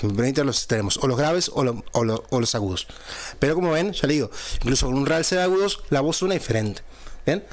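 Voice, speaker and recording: A man hosting a casual microphone review, explaining patiently and checking in with a frequent "¿bien?", recorded close on a dynamic mic in a home setup. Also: medium pitch. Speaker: channel host reviewing a microphone. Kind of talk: casual tech review and sound test. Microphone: close dynamic studio microphone through a mixer.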